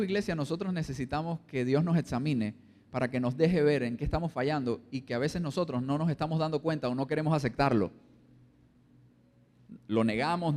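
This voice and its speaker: A high-pitched male pastor from Colombia preaches to his congregation, slipping into quoted voices and then rising again. His voice rings through the long reverb of a church hall. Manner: preaching with acted-out quotes, dropping low and rising loud. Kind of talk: sermon.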